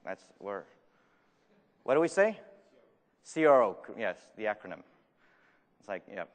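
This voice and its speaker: A man with a lowish, sing-song voice and an unhurried delivery gives a live talk at a conference. He is Argentine, grew up speaking Spanish and has a French accent, and he pokes fun at himself, jokes and throws questions at listeners. His voice reverberates through a large conference room.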